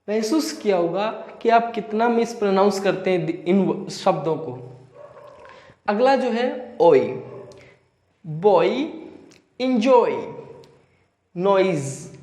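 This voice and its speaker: Teacher going thru pronunciation drills, slow, repeats every word, echoey big room. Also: medium pitch, a little mellow. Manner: drills words by repeating them slowly; mixes Hindi with English phrases. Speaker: English teacher. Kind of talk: exam-prep pronunciation lesson. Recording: roomy, echoey hall reverb.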